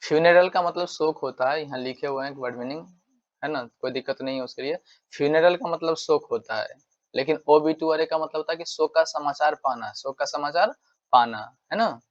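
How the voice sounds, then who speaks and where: A man's voice: on the high side, brisk. Chatty teacher, man, dull lo-fi recording. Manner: repetitive, keeps checking with tag questions. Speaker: English teacher. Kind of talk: casual exam-prep lesson. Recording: dull lo-fi sound.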